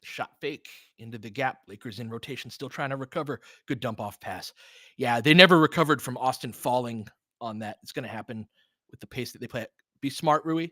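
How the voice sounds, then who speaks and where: A fairly quick man with a mid-range voice and a sharp tone is heard in clean studio sound with no echo. Running a basketball film-room audio stream, he delivers relaxed live play-by-play and analysis, talks casually with listeners, and cheers the players on like a fan.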